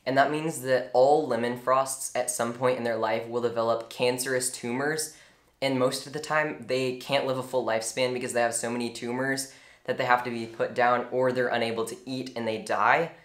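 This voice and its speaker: A young man giving an informal, earnest tutorial on reptile care, with strong opinions and lively emphasis. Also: medium pitch, normal speed. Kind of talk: informal instructional talk. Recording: echoey room.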